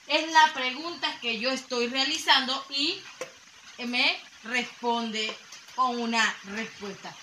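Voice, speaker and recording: A woman with a high, very bright and sharp voice teaches a lesson to small children. She speaks patiently and goes back over each point. The recording sounds echoey, with a faint hiss behind her. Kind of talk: classroom lesson for young children. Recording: echoey room with faint noise.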